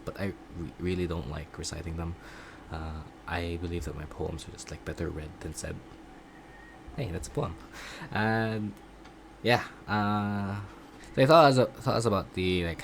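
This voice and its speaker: A man chatting casually in a video diary about his voice acting classes, rambling and halting, often poking fun at himself. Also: low voice, noisy background. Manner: self-deprecating. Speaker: voice acting student vlogger.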